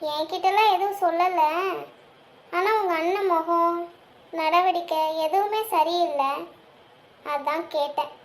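A woman acts out a gentle, troubled older sister in a cartoon, speaking softly with worry. Her voice sits high and light. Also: fairly even intonation, slow pace, pauses often. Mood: worried. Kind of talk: cartoon voice acting.

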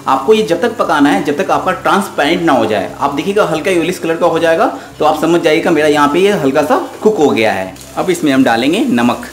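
Man calmly explaining a home recipe. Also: a little high, a little fast, hardly any pauses. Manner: patient, instructive, addresses viewers directly. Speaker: cooking show host. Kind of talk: step-by-step recipe narration. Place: home kitchen at the stove.

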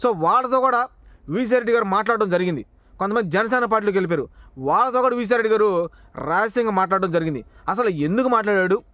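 Man, political commentator, rapid-fire confrontational rant, high voice, dry close sound. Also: animated, pushed and bright, dry recording. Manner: confrontational, addresses the target directly with rhetorical questions. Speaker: political commentator, channel owner. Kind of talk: heated political monologue.

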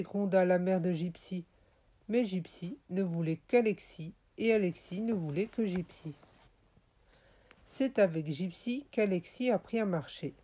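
A woman narrating a children's audiobook in a gentle, clearly paced way. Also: lowish voice. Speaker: audiobook reader.

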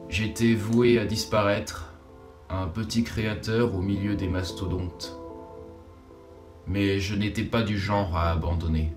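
A man's voice: on the low side, fairly even intonation, unhurried. Young man narrating, roomy and distant. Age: young adult. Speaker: YouTuber narrating his own short film. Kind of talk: scripted self-deprecating narration. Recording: roomy, distant voice-over under music.

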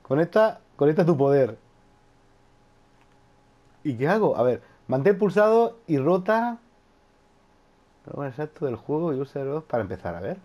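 A man giving casual, excitable gameplay commentary, laughing often and swearing casually. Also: medium pitch, brisk, pauses often. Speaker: gaming youtuber.

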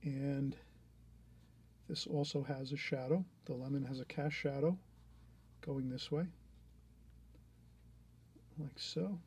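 A man's voice: mid-range voice, fairly even intonation, slow, long pauses, a little mellow, breathy edge. A middle-aged man teaching a painting lesson, talking aloud as he draws, encouraging and rambling. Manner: encouraging, rambling, many restarts. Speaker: art teacher. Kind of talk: painting tutorial, thinking aloud while drawing.

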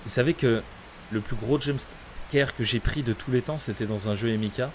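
A man's voice: mid-range voice, moderate pace, slight background noise. A man giving live gameplay commentary as a streamer, chatty, swearing and greeting viewers in chat by name. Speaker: gaming streamer.

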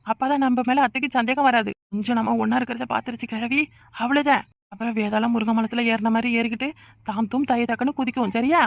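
A voice actor playing a sly, mocking young daughter-in-law in a cartoon. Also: female voice, fairly high pitch, steady tone, fast, creaky, no room sound, studio quality. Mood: scheming.

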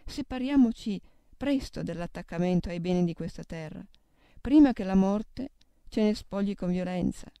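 A woman reading devotional meditations aloud in a solemn, steady way, naming scripture references as she goes. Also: medium pitch, normal speed, clear, resonant tone, dry recording. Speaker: reader of devotional texts.

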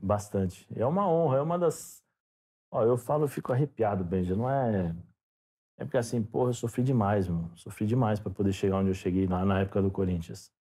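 A Brazilian former footballer, a guest on a podcast, telling stories in a relaxed chat and acting out the dialogue as he goes. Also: on the low side, brisk, slightly rough. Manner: animated storyteller, acts out dialogue. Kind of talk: casual storytelling interview.

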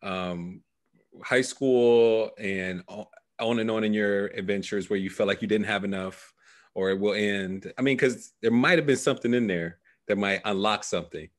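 A male coach with a low voice, speaking at normal speed, leads a client through a meditation process in a coaching conversation. He is on a video call from a small indoor room, using a headset microphone.

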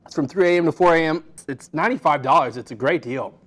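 A man's voice: a little high, fast, fairly bright tone. Young man struggling through a burning, spicy mouth. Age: 20s. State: teary, in pain from spicy food, coughing. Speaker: food challenge host. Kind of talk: casual on-camera challenge talk. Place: small indoor office meeting room.

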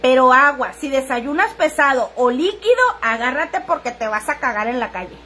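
Chatty high-voiced woman livestreaming. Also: expressive, normal speed, bright, forceful tone, slight background noise. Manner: earthy, crude, chatty, reads viewers' comments aloud. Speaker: livestream seller. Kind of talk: casual livestream chat.

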